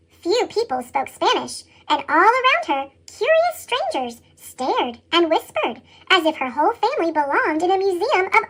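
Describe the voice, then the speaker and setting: Squeaky chipmunk-filtered storybook narrator. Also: bright, forceful tone. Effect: sped-up, high-pitched chipmunk voice filter. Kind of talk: scripted picture-book read-aloud.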